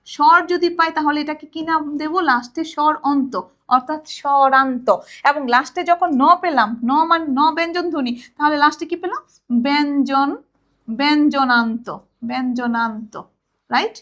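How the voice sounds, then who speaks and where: High-voiced woman lecturer, step-by-step explaining. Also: normal speed, fairly bright tone. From Bangladesh. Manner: explains step by step, asks and answers her own questions; recites children's rhymes to show rhythm. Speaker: college lecturer. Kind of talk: recorded online lecture.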